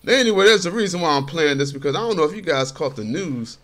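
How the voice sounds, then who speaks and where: A man's voice: on the high side, lively intonation, fast talker, a bit bright. Laid-back, chatty man doing game commentary. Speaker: gaming commentator. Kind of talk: casual gameplay commentary. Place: his bedroom.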